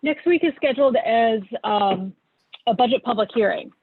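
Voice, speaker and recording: A woman on staff giving a brisk, matter-of-fact scheduling update in a formal meeting, heard over a crackly phone-like line. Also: on the high side, animated, breathy edge. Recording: tinny, noisy phone line.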